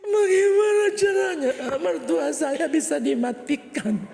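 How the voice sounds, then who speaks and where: A man voicing an upset wife in a high, whiny falsetto, pleading during a sermon story. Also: measured pace, vocal fry, noisy background, heavily acted. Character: shrill upset middle-aged wife. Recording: echoey church hall.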